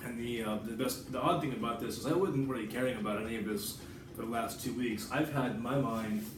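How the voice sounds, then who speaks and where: Talking a little fast in a mid-range voice, the American vlogger and writer drifts casually from topic to topic, occasionally cursing. The audio is roomy and noisy, picked up from a distance.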